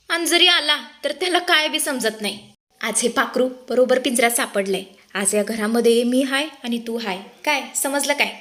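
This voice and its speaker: A woman's voice: sits high, a bit bright. A woman voicing a gloating, menacing male villain in a serial recap. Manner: gloating, threatening. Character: lecherous menacing man, villain.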